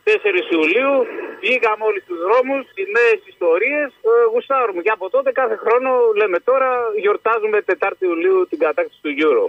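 A man calling a radio show and telling deadpan jokes. His voice sits slightly high. The phone line sounds muffled and dry. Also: dry recording. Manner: joking, deadpan puns. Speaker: caller. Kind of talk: joking phone call.

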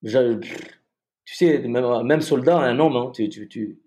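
A man, a soldier, telling a personal story in a halting way, with many repeated restarts. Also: mid-range voice, mellow.

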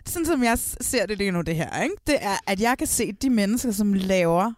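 A woman chatting casually as a podcast guest, lively and acting out quotes in other voices. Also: mid-range voice, no echo, studio quality. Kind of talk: casual chat.

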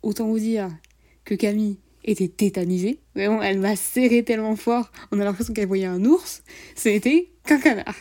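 A woman's voice: mid-range voice, fairly even intonation, a little fast, mellow. A young woman co-hosting a travel podcast, recounting the trip in enthusiastic, slangy casual chat. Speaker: podcast co-host.

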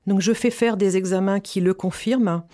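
This woman, in her fifties, recounts her cancer experience candidly and earnestly. She speaks at a normal speed in a steady, mellow, mid-range voice.

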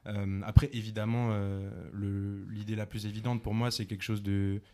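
A man co-hosting a casual music chat, thinking aloud and rambling in a relaxed, slangy way. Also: lowish voice, normal speed. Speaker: podcast co-host.

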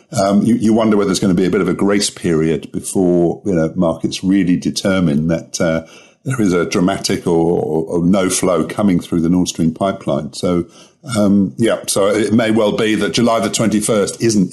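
A man giving market commentary as a guest analyst, halting with frequent ums and a rough first-thing-in-the-morning voice. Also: low-pitched, darkish tone. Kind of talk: casual expert commentary.

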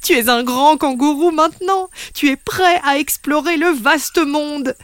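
Proud father kangaroo, steady and commanding, a woman reading him in a dry storybook. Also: high voice, unhurried, no echo, pitched above the performer's own voice.

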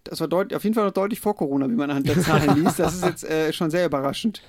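A man's voice: on the high side, racing, no echo, clean studio sound. A man co-hosting a podcast in casual chat, talking freely with frequent fillers. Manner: chatty, many fillers. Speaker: podcast co-host.

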